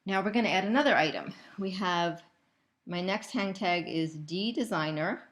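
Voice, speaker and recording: A woman narrating a corporate training video as a trainer, explaining each step in a patient, methodical, unscripted way. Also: on the low side. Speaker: trainer for gallery sales staff.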